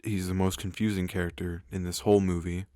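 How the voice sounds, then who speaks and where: A man's voice: low-pitched, little pitch movement, brisk, dark tone, no echo, clean studio sound. A young man giving crude, sarcastic, rambling commentary on a movie. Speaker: YouTube commentator.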